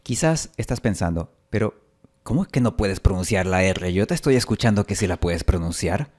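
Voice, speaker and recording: A man's voice: deep voice, lively intonation, a little fast, a little mellow. A man, a native Spanish speaker, explaining patiently in a casual vlog and then drilling practice words over and over. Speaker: vlogger documenting learning to trill R. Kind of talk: casual first-person vlog.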